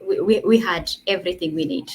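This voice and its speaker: A woman's voice: on the low side, a little fast, darkish tone, slightly rough, low-quality recording. A woman, a guest telling her story earnestly over a video call in a casual interview. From Ethiopia. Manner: earnest, laughs between phrases. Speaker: guest, online entrepreneur.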